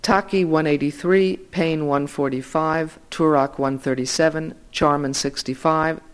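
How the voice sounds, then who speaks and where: A man reading literary fiction aloud in a measured way, voice dropping softly at the ends of lines. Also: a little high, steady tone, smooth. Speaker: reader.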